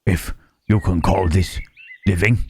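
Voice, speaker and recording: Man acting out husky, very slow Frankenstein's monster. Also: deep voice, steady tone, warm tone, full character voice. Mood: pensive, sorrowful. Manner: halting, pensive, formal wording. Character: gentle, melancholy, lonely Frankenstein's monster in the mountains. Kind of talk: ASMR roleplay acting.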